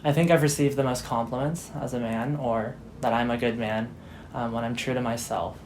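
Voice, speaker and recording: A man's voice: mid-range voice, fairly even intonation, normal speed, darkish tone, a little hiss or hum, rough recording. An eighteen-year-old man reflecting thoughtfully in a documentary interview.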